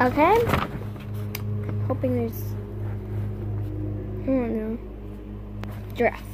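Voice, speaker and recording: A woman vlogging an unboxing, talking straight to her viewers in a halting, complaining way. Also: on the high side, over music. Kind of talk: casual unboxing chat to viewers.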